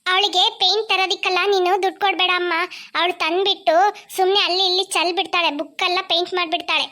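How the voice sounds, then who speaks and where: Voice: very high voice, flat delivery, quick pace, pushed and bright. A woman voicing a bossy, tattling older sister in a cartoon. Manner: bossy, complaining.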